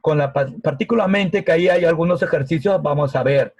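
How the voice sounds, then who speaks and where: A man's voice: a little high, brisk, a little mellow, no echo, poor audio. A man teaching a grammar lesson over a video call, patient and often checking that students follow. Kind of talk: online grammar class. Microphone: laptop mic on a video call.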